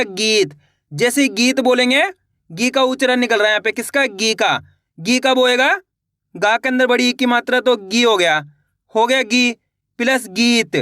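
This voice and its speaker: A male teacher with a very high voice that sounds bright and crisp leads a beginners' lesson. He asks each question and answers it himself, drawing words out slowly. The recording is dry and close, with no room sound. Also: no echo. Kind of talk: spoken Hindi writing lesson.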